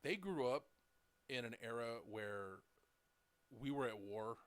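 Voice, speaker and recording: Taking it slowly, a late-thirties podcast host rambles through casual stories, leaning heavily on "like" and "dude." His mid-range voice is smooth and a bit bright with lively intonation, and there's no room sound.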